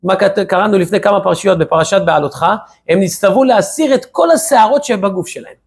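A rabbi with a high, gravelly, slightly rough voice gives his weekly Torah lesson. He tells it like a lively storyteller and keeps tossing rhetorical questions at his listeners.

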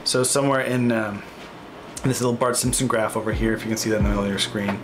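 A man's voice: lowish voice, flat delivery, quick pace, slight background noise. A man in his thirties, a real estate agent, giving a casual screen-share market update, thinking aloud with fillers and self-corrections.

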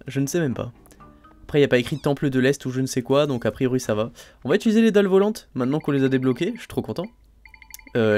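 Each new find gets an excited exclamation from this let's play host, who comments casually on his gameplay in a mid-range voice. He chats and thinks aloud, often slipping in "hein" and "euh."

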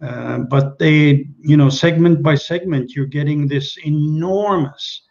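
Slow and a little high, with vocal fry and a slightly mellow quality, an older Kenyan man who first spoke Czech talks as a guest in a video call interview, hesitating and restarting repeatedly. A webcam in a small room at home captures him, and the audio is dull.

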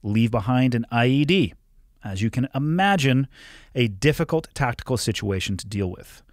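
Lively, dry-sounding male podcast host. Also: mid-range voice, normal speed, no room sound. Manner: swears casually, lively delivery. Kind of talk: casual interview chat. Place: small studio with curtained walls. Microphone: studio mic on boom arm, headphones.

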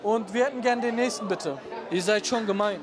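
A man in his thirties runs a street dating game in a busy underground station, a handheld mic in his hand. A clear crowd chatters around him and music plays underneath. He keeps things brisk and joking. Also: sits high. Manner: brisk, counts down, jokes with contestants. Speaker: street interviewer. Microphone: handheld microphone. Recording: crowd noise and background music.

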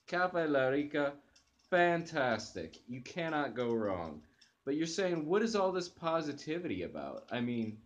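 Speaking to camera from his sofa at home, a young channel host reviews coffee casually and eagerly, stumbling into restarts and fillers. His voice sits on the high side. The close webcam recording sounds muffled.

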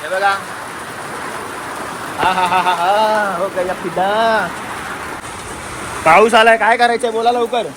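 A high-pitched man chats excitedly to his viewers while filming on a handheld phone. He is outdoors in a village and calls out to his family as he goes. Heavy rain hisses loudly behind his voice. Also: unhurried, pauses often. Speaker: vlogger. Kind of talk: casual vlog narration to viewers. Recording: loud rain noise outdoors.

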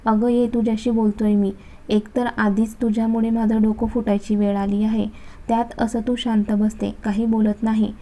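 A woman's voice: a little high, flat delivery, moderate pace, mellow, lightly acted. A woman voicing an irritable young husband who talks curtly. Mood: irritated. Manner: curt, snapping. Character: young man, irritable short-tempered husband.

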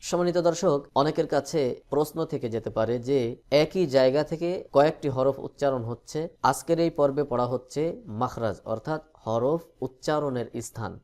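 A man teaching Quran reading, explaining letter sounds patiently and slowly stretching out each letter as a drill. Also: medium pitch, a little mellow. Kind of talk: recorded lesson on letter pronunciation.

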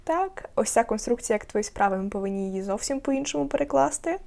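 Woman language tutor, patient explainer, repeats key words, slow deliberate example phrases. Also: fairly high pitch, animated, vocal fry, a little mellow. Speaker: Polish language teacher. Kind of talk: online language lesson.

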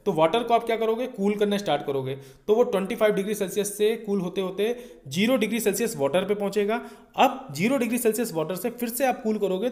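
Speaking with an Indian accent, a male engineering lecturer whose notably high voice has a darkish tone gives an explanatory lecture to exam students. His style is didactic, moving point by point and frequently making sure everyone keeps up.

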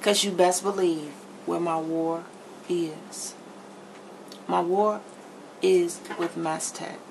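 With a lowish, gravelly voice, a middle-aged woman speaks slowly and with fairly even intonation as she chats candidly to camera while cooking. She vlogs from her home kitchen and comes across blunt and emphatic. It's a rough recording with noticeable background noise.

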